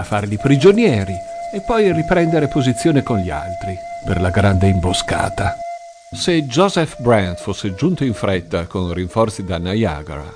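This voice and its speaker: Expressive male narrator over music. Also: medium pitch. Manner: expressive, tense storytelling. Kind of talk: dramatic audiobook narration.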